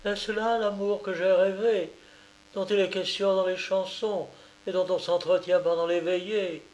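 A man's voice: sits high, level tone, a little slow, darkish tone, pitched above the performer's own voice. A man reading aloud as a poor peasant mother, tearful, pleading and indignant. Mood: bitter. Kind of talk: audiobook character reading.

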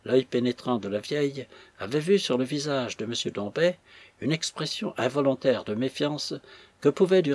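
A man narrating a classic novel in a measured, even reading voice. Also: medium pitch, breathy edge, no echo. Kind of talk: scripted audiobook narration.

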